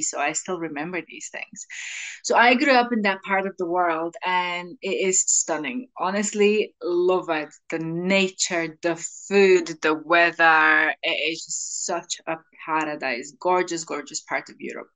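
A native Slovenian speaker from Slovenia, a woman in her thirties, answers interview questions as a guest in a fairly low, slightly bright voice. She's enthusiastic and chatty and laughs often. The recording quality is low.

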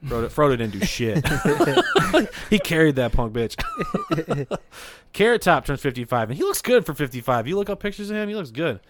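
Jokey male podcast host, lively pitch. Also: moderate pace, background noise. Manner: jokey, reading off a list with asides and loud laughs. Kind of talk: casual podcast chat.

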